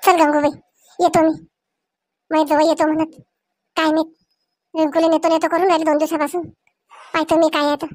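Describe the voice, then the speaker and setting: A woman acting a bossy elderly village aunt in a comedy skit, talking loudly and reassuringly. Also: sits high, little pitch movement, fairly quick, long pauses, natural voice. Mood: brisk.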